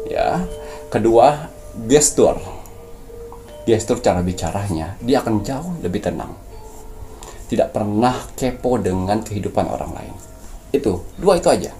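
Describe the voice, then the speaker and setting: A man's voice: fairly low pitch, animated, measured pace, long pauses, mellow, soft background music. A man speaking as a spiritual medium, giving preachy mystical advice and coaching his listeners. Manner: preachy, coaching tone, addresses viewers as "sayang".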